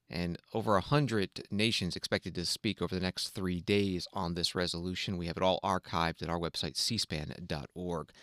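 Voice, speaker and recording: A man's voice: fairly low pitch, a bit bright, no echo, clean studio sound. A man hosting a news programme, reading scripted news narration. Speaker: radio news host.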